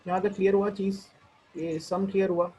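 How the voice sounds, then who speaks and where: A man with an Indian accent teaching a math lesson, working through the steps one at a time and slowing down to read each equation aloud. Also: sits high, level tone, dark tone, slightly rough, dull audio. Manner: explains step by step, mixing Hindi and English; slows down when reading out equations. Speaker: math tutor.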